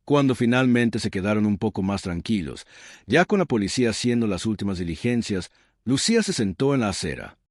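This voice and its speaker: Low-voiced man narrating a suspense story. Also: lively intonation, fairly quick, no room sound, clean studio sound. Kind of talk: scripted dramatic narration.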